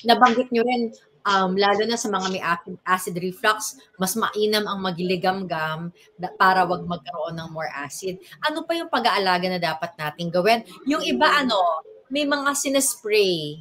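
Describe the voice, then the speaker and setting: Female co-host, friendly questioner, mid pitch. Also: expressive, normal speed, fairly bright tone, slight background noise. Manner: friendly, asks questions, mixing English and Tagalog. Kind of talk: talk show hosting.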